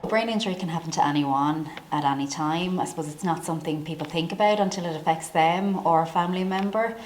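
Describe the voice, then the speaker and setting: An Irish woman, a services manager, explaining her work in an interview in a clear, measured way. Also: low voice, a little mellow, echoey room, a little hiss or hum, rough recording. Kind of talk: professional interview.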